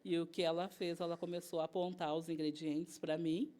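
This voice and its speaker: A guest chef with a southern Brazilian Portuguese accent chats through a casual interview, retelling events by acting out snippets of dialogue. Her voice sits on the low side and is mellow, moving fairly quickly with little pitch movement.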